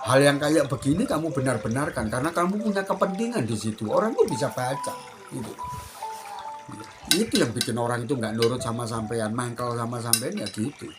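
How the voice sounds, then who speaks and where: A middle-aged spiritual teacher with an East Javanese accent speaks straight to his listener. He circles back over the same warnings again and again in a steady, admonishing way. Music plays clearly under his voice. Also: medium pitch, a little fast. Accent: East Javanese Indonesian. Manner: repetitive, admonishing, addresses listener directly. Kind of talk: spiritual advice talk.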